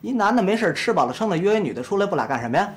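A man's voice: sits high, sing-song, very fast, a little hiss or hum. An actor playing a cheeky young man from Beijing, joking and complaining in a mock-dramatic way, with a Beijing accent. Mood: bickering. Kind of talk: TV drama acting.

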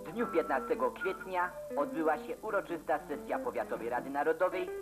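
A man's voice: fairly high pitch, animated, brisk. A man reading scripted narration for an old newsreel in a formal, declamatory way. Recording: narration over loud guitar music.

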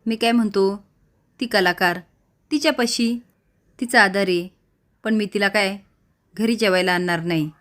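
A woman's voice: mid-range voice, normal speed, long pauses, fairly bright tone, close to an everyday voice. A woman voicing a mild, evasive young village tailor while retelling a serial.

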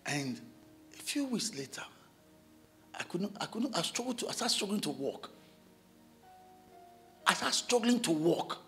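A pastor delivers an animated sermon in church. His bright, forceful voice sits high. Soft music plays faintly behind him. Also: measured pace, long pauses. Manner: animated preaching with sudden shouts and chuckles.

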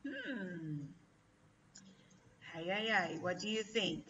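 A woman's voice: mid-range voice, lively intonation, extremely slow, bright, forceful tone. A woman teaching a class online, patiently quizzing her students over and over. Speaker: English teacher. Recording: distant, dull lo-fi call audio with faint hum.

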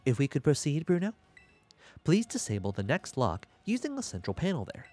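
A man's voice: a little high, brisk. Man reading as stiff, emotionless female professor. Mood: formal, detached. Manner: flat, stiff read-aloud acting.

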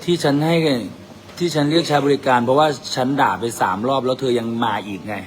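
Male vlog host, Isan Thai accent, mid-pitched, teasing and loud in his humor; noisy cafe recording. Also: animated, a little fast. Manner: teasing, boisterous, mixes in dialect. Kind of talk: casual joking banter.

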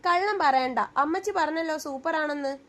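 Feisty young wife, sulky and sharp-tongued, high voice, voiced by a woman narrator. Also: close to an everyday voice. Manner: sulky, quick to bristle.

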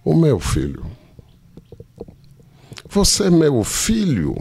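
A man's voice: fairly high pitch, wildly swooping pitch, slow, gravelly, dark tone, breathy edge, no room sound, pitched above the performer's own voice, exaggerated voice. A man voicing an aggrieved elderly spiritual father who speaks sternly and reproachfully.

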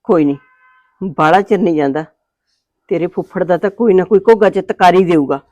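An actress playing a calm village mother with a Punjabi accent, soothing her angry son. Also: a little fast, no room sound, lightly acted. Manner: soothing, low-key reassuring. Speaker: mother of the hero.

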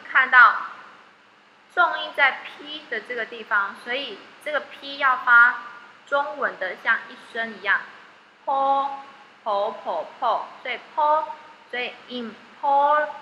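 A woman's voice: fairly high pitch, moderate pace, sharp tone, lo-fi sound. A woman teacher with a Taiwanese Mandarin accent, running a phonics lesson and coaxing the class with questions. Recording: echoey hall with faint noise.

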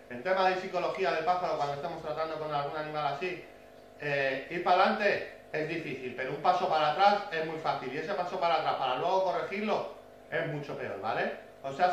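A man from telling a story to his viewers in a casual, chatty way, tagging many lines with a quick question. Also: on the high side, fairly bright tone, recorded from a distance. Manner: chatty, frequent "¿vale?" tag questions. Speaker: bird keeper vlogger. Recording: very echoey room, voice off-mic, faint hiss.

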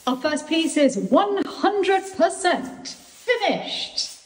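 Poor audio captures a vlog host from England with a very high voice, chatting enthusiastically into a handheld phone camera at arm's length as she works in a large bathroom. Her casual narration is very animated, with drawn-out words.

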